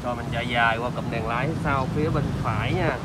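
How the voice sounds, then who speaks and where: A man with a southern Vietnamese accent giving an improvised used car salesman's walkaround pitch, repeatedly reassuring the viewers he addresses. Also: quick pace. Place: outdoor car lot and inside a car. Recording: clear outdoor car lot ambient noise.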